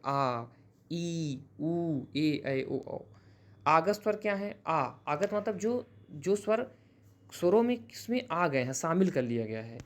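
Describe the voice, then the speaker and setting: A man's voice: on the high side, a little mellow. A man teaching a grammar lesson who explains patiently, often restates terms, and corrects himself mid-sentence. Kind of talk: classroom-style grammar lesson.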